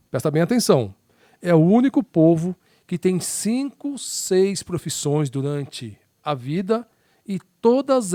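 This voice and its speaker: A man with a somewhat high voice co-hosting a podcast, animated and joking as he talks straight to the listeners. The sound is dry and close, with no room around it. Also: no echo. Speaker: podcast co-host. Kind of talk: lively podcast chat.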